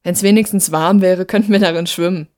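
A woman's voice: lowish voice, fairly even intonation, fairly quick, a little mellow, natural voice. A woman voicing an urgent young student.

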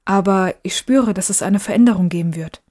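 A gentle mother speaks softly and reassuringly to her son, calm and loving, voiced by a woman reading the story. Her tone is warm and mellow, never sharp. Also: mid-range voice, a little fast, close to an everyday voice. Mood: tender. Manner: soft and reassuring. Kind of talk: audiobook character voice.

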